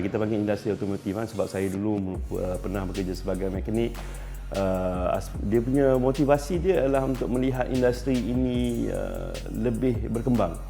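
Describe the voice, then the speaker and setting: A middle-aged man from Malaysia speaks in a lowish, warm and mellow voice. He answers interview questions casually and thoughtfully, pausing on fillers and restarting sentences as he goes. Faint music plays underneath. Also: gravelly. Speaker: racing team principal.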